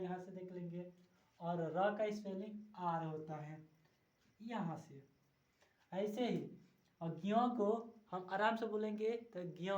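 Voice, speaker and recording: A woman teaching spelling in a patient, step-by-step lesson, repeating each sound slowly. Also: mid-range voice, darkish tone. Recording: dull, echoey room.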